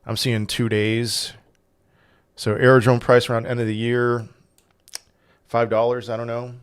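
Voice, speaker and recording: His delivery is flat and a little slow here, with a medium pitch and clean tone. The Portuguese host still reads crypto chat questions aloud on his desk mic and rambles through the answers, often restarting.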